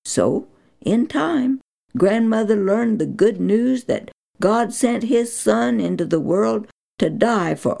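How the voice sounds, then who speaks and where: Woman storyteller for a children's Bible program, slow and expressive, with a lot of fry in the voice. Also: mid-range voice. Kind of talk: scripted story narration.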